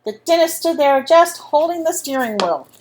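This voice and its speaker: A woman reads a picture book aloud to young children. She is friendly and expressive, with a slightly high voice that moves up and down a lot. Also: normal speed, slight background noise. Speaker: storyteller for children.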